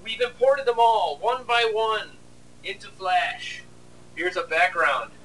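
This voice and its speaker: Here a man speaks slowly in a high, fairly bright voice. As an animator and video host, he narrates behind the scenes in a casual way, sounding sarcastic and pretending to complain. It's recorded from a distant mic with faint noise in the background.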